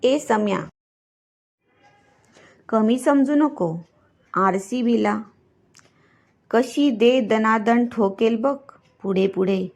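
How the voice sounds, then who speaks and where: A woman voicing a young newly employed man who snaps back indignantly at his friends in a slow, spoken story. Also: a little high, vocal fry, darkish tone, heavily acted. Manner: indignant outbursts.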